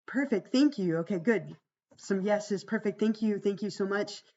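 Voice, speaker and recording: Gravelly-voiced woman teaching on a livestream. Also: medium pitch, normal speed, warm tone, dull audio. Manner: reassuring, conversational. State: fighting a cold, voice strained from much talking. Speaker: college psychology instructor. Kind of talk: informal livestreamed class orientation.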